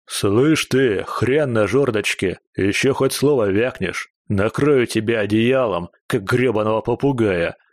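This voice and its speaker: A man's voice: lowish voice, unhurried, hardly any pauses, no echo, studio quality, lightly acted. A man doing a sneering crude thug. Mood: menacing. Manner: sneering, coarse. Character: swaggering brutish male thug, mocking and crude. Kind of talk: audiobook character voice.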